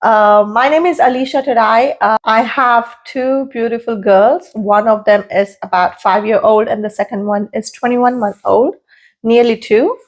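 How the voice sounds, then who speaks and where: A woman in her thirties, born in India and raised in London, is a podcast guest who works as a registered nurse. Her voice sits on the high side at a moderate pace, and in this casual interview she speaks earnestly and emphatically, repeating phrases to drive points home.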